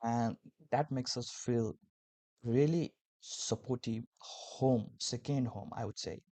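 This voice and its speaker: A man's voice: mid-range voice, slow pace, warm tone, no room sound. A man from Nepal, hosting a casual interview podcast in a friendly, complimentary way. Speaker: podcast host.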